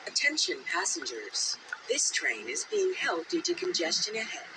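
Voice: medium pitch, huge pitch swings. Noisy, swooping transit announcement voice. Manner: formal, measured public-address delivery. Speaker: train announcer. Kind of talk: automated subway train announcements, like an airport announcement. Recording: noisy game audio capture, train noise.

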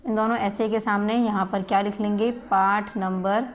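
A woman schoolteacher giving a grammar lesson, slowly dictating Hindi sentences and their translations. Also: mid-range voice, steady tone. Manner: slow, dictating word by word; mixes Hindi and English, repeats "ठीक है". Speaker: school English teacher. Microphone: recorded lesson video.

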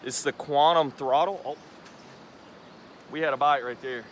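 Speaking at a medium pitch, a young fishing channel host casts from a riverbank and casually explains his technique. The outdoor clip, shot on a tripod camera at a distance, has slight background noise from the rushing current.

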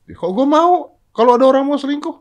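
A man hosting a casual podcast, teasing and probing his guest, often dropping to low mutters. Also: lively intonation, quick pace. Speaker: podcast host.

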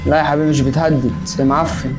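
Hosting a horror game let's play, a man with an Egyptian Arabic accent sounds jumpy and panicky, crying out in repeated bursts before cracking jokes. His voice is a little high and his delivery flat and racing. Music plays in the background.

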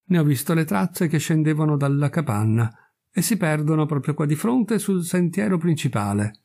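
A man voicing a chatty, unsuspecting husband in a storybook reading, brisk and casual. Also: on the high side, big pitch swings, vocal fry, warm tone, full character voice.

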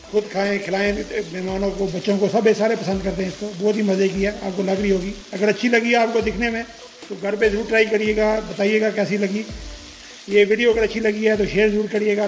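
Man, high voice, cooking channel host, friendly step-by-step explaining, faint music behind. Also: flat delivery, brisk. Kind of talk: home cooking tutorial narration.

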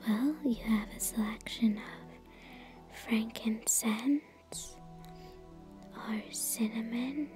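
A woman in a whispered role-play as a spa therapist, soothing and gently guiding the listener in an unhurried way. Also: on the high side.

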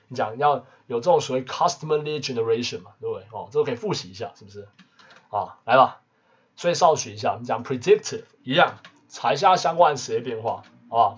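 Husky-voiced man teaching vocabulary, lo-fi. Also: medium pitch. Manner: peppers talk with tag questions. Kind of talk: casual vocabulary lesson. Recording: muffled lo-fi recording.

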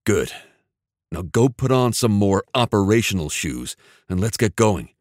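A male narrator voicing a brisk, commanding male team leader. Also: on the low side, sing-song, darkish tone, dry recording, clean studio sound.

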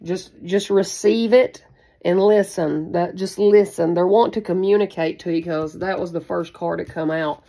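This woman's voice is fairly low, steady, and mellow, at a normal speed. Hosting a spiritual channel from a card table in a small room, she gives a casual, unscripted tarot reading that rambles, loops back on itself, and slips in occasional profanity.

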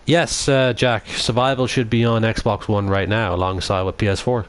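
A young man from Dublin, Ireland, streams himself playing, his lowish voice steady, clear, and resonant at a normal speed. The casual live commentary rambles, includes frequent swearing, and has him reading chat aloud and replying.

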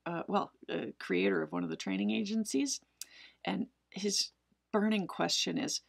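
A middle-aged woman tells a diving story straight to the camera, animated and chatty, with plenty of fillers. Her voice carries heavy fry and a gravelly edge. She sits close to the mic in an indoor room. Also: mid-range voice, moderate pace. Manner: animated, gestures with both hands, frequent fillers. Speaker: cave diver answering viewer questions. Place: indoors in front of a brick wall.

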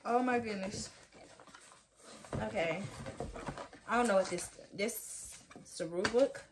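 A woman vlogger talking to her viewers in a casual unboxing video, chatty and excitable. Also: mid-range voice, measured pace, background noise.

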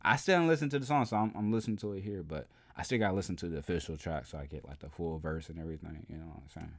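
The reaction host, a young adult, has a low voice and speaks very fast. He chats and rambles about a music performance, peppering his talk with "you know what I'm saying." He is in an indoor room, shown in a webcam overlay on the video.

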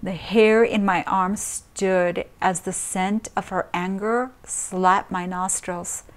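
A woman author talks to her viewers in a slow, rambling way, stopping to correct herself as she goes. Her voice sits at a middling pitch, and she moves from casual chat to reading her own book aloud. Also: fairly even intonation. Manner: rambling and chatty, with self-corrections. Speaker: romance novelist.

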